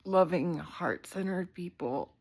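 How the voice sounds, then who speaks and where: A woman with a notably low, deep voice talks into her phone on a live stream. She is heartfelt and candid, loose with fillers and an occasional swear word. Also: takes it slowly, creaky, darkish tone, slightly rough. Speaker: community leader hosting a live video. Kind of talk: casual livestream talk.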